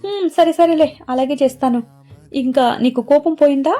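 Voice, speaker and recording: A woman's voice: high voice, normal speed, dark tone, faint music behind, pitched above the performer's own voice, lightly acted. Woman doing a teasing young boyfriend. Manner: playful, mocking, soothing. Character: teasing, coaxing young man.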